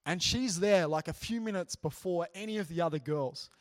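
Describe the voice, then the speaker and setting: A man's voice: high voice, moderate pace. Earnest man telling a story in a casual sermon. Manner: earnest, animated, with frequent "you know" asides. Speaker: preacher sharing a testimony.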